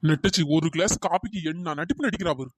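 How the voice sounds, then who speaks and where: A voice actor playing a tall, exasperated husband in a comic cartoon, bickering and then pleading through a pitch-shifted cartoon voice. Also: fast talker, breathy edge, no echo, studio quality. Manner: scolding, then fawning and pleading. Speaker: cartoon character.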